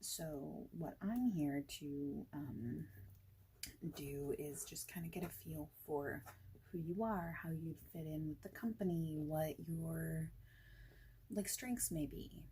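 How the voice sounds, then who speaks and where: This is a rough recording with a little background noise: a woman's low, creaky, soft voice, breathy and often near a whisper, moving slowly through an improvised ASMR job interview roleplay. As a friendly boss, she rambles informally and reassures.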